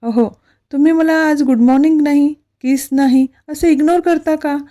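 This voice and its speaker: A woman's voice: a little high, moderate pace, warm tone, close to an everyday voice. A woman voicing a pouting young bride. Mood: pleading. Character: young woman, playful newlywed student.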